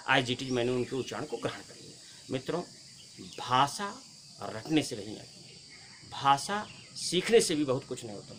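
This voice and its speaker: A man's voice: mid-range voice, a bit bright, a little hiss or hum. A man giving a spoken spelling lesson outdoors, explaining step by step and addressing viewers as friends. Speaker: Hindi teacher. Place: outdoors in nature.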